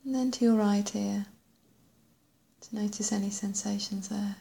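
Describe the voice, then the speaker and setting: A woman leading a guided body scan meditation in a gentle, unhurried way, leaving long pauses and letting phrase ends trail off softly. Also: mid-range voice, fairly even intonation, vocal fry.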